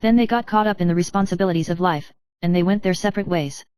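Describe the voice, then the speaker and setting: Smooth, clear woman reading a story. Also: on the low side, fast talker, darkish tone, dry recording. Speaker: narrator. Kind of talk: scripted first-person story narration.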